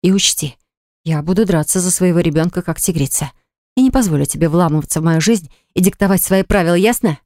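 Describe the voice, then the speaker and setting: Speaking fast and lightly acted, a woman portrays a young mother in an audiobook who is stubborn and indignant, defiant and sharp, and shrill whenever she's upset. There's no room sound, just clean studio audio.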